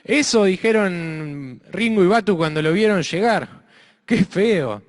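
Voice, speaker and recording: A man with an Argentine accent telling a story to children, expressive and asking his listeners questions. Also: high voice, unhurried. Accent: Argentine Spanish. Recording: reverberant hall.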